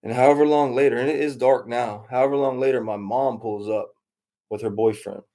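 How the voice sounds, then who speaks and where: In a warm, steady, medium-pitched voice, a young man briskly tells a rambling story from his past in casual talk. He repeats phrases and imitates what others said, acting out their voices in quotes.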